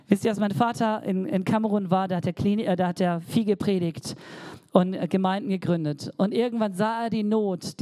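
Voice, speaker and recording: Earnest woman preaching, warm dry voice. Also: on the low side, dry recording. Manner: earnest, emphatic preaching with repeated phrases. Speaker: pastor. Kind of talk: sermon.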